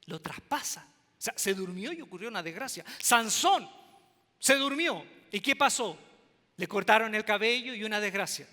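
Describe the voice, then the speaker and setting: A Mexican-accented pastor preaches with a high, bright voice, animated and full of jokes. He tells stories to his congregation. The sound carries the long reverb of a large church hall. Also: moderate pace. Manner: animated, joking storyteller. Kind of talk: sermon. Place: church auditorium.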